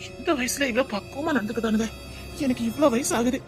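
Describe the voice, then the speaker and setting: A woman's voice: on the high side, quick pace, over music, natural voice. A woman playing the children's uncle, a grown man brooding and reproaching himself in a Tirunelveli Tamil comedy skit. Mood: regretful.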